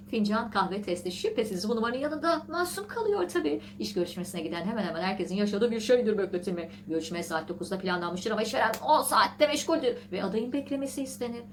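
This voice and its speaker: Fast-talking sarcastic woman vlogger. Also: slight background noise. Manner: sarcastic, mocking, swings between deadpan and shrill outbursts; laughs often while talking. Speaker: vlog host. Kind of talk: casual commentary reading an article aloud.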